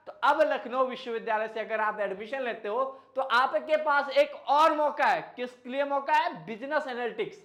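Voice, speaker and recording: A man's voice: very high-pitched, a bit bright. A man giving a casual explainer lesson on admissions, chatty and repetitive, calling viewers kids and brothers. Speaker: admissions guidance teacher.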